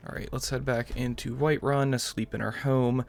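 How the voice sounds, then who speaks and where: With a creaky, mid-range voice and fairly even intonation, this young New Yorker rambles casually through let's-play commentary for his gaming channel. He keeps a moderate pace and keeps qualifying what he says.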